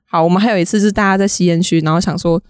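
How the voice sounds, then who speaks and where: Young taiwanese woman gushing a story fast, giggly, dead dry studio sound. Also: lowish voice, steady tone, smooth, dry recording. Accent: Taiwanese Mandarin. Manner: rapid, giggly, chatty. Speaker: podcast guest. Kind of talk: casual storytelling chat.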